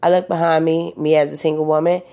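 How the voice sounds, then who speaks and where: A woman with a strikingly deep voice and a gravelly rasp recounts a personal experience in a loose monologue. She wanders between details, fills pauses with ums and likes, and restarts her sentences often. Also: level tone, warm tone. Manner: rambling, with many fillers and restarts. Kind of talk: casual storytelling monologue.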